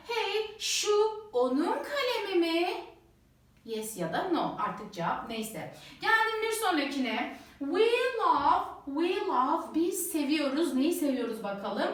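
A woman teacher walking through the answers to worksheet questions. She slows down whenever she reads out an English sentence. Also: high-pitched, recorded from a distance. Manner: lively, slows down to read English sentences aloud. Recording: roomy echo, voice a bit off mic.

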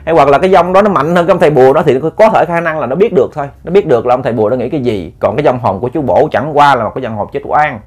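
A man telling a ghost story in a chatty, halting way, often repeating words. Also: medium pitch. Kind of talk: casual spoken storytelling.

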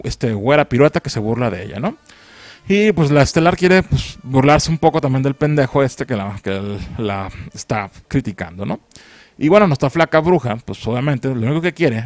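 A man's voice: mid-range voice, dry recording. A man with a Mexican accent giving a crude, mocking, slang-filled comedic film recap. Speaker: film critic.

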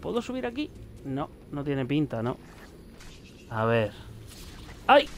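Excitable Spanish man narrating gameplay. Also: mid-range voice, slow pace, a little hiss or hum. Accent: Spain Spanish. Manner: excitable, swearing, shouting warnings at the screen. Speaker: gaming youtuber. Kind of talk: live gameplay commentary.

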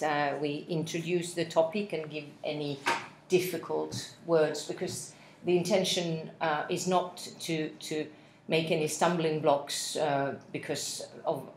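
This low-pitched, slightly mellow voice belongs to a woman in her forties, native to Finnish, rehearsing a speech for interpreters with frequent hesitations and spelled-out words. Her laptop webcam picks up a roomy sound and slight background noise in an office meeting room with window blinds.

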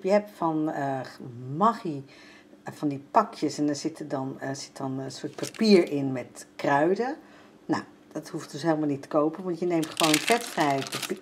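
A woman's voice: deep voice, darkish tone, a little hiss or hum. An older woman from the Netherlands chatting casually in a home vlog, with plenty of fillers as she walks through her sewing and cooking. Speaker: vlogger. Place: home interior.

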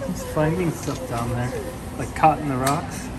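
A young father chatting casually as he films his kids at an indoor penguin exhibit, relaxed and chuckling. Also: fairly high pitch, measured pace. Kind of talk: casual family vlog narration. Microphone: handheld phone camera. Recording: noisy phone recording in an exhibit hall.

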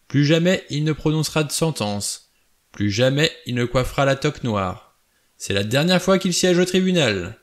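A man doing a shrill, mocking adventurer. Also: a bit bright. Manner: high-pitched mocking chant. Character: cynical adventurer, man, laughing shrilly and unsettling.

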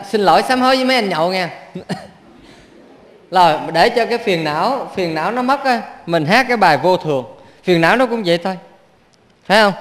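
A Buddhist monk with a Southern Vietnamese accent preaches in a high voice, chuckling as he goes. He keeps turning to his listeners with little questions. The sound carries a long hall reverb. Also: a bit bright. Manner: playful, chuckling, keeps quizzing the audience. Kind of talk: sermon.

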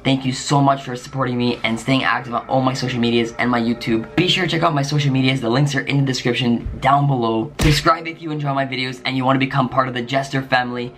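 A man hosting a casual vlog, talking in jumpy, scared exclamations and sometimes dropping to a hush. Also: medium pitch, fairly even intonation, quick pace, few pauses, faint music behind. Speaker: YouTuber host.

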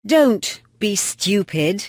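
Very slow, deliberate woman reading phrases. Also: medium pitch, big pitch swings, a little mellow, dry recording, clean studio sound. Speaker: English phrase reader.

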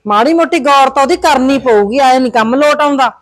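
In a village comedy drama, a woman with a high-pitched, fairly quick, natural voice and a Punjabi accent plays the headman's worried wife, complaining about her husband. There's no room sound.

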